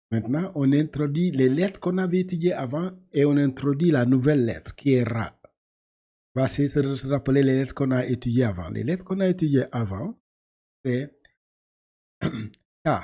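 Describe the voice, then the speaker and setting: A man's voice: mid-range voice, dark tone, husky. A man teaching a class to read Arabic letters, patiently repeating syllables and often laughing as he explains. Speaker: Quran reading teacher.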